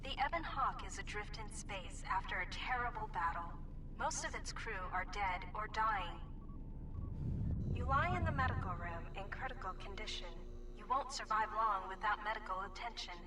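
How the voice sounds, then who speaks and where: A woman voicing an impersonal ship computer in a video game, giving formal, measured announcements and instructions. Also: mid-range voice, lively intonation, far from the mic, heavy background noise, natural voice. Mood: formal, instructive. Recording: loud game music, voice set back.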